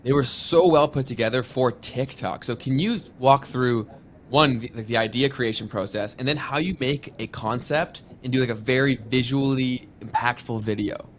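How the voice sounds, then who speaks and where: A man's voice: medium pitch, moderate pace. Male interview host, upbeat, encouraging, slight background noise. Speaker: podcast host. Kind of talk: casual interview.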